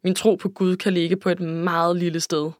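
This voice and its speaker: A woman's voice: fairly low pitch, flat delivery, no room sound, clean studio sound. A woman reading a first-person novel aloud in an emotional, intimate way. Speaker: audiobook narrator. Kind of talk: scripted first-person narration.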